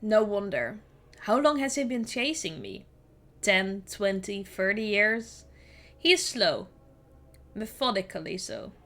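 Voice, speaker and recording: A woman whose native language is Dutch hosts a podcast, reading a creepy horror story aloud and then chatting about it between passages. Her mid-range voice is slightly bright, and in conversation she's giggly and talkative, laughing often.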